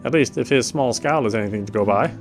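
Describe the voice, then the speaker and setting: Talking fast, a medium-pitched male let's player reads out game narration with casual commentary. Now and then he trips over words, and light background music plays.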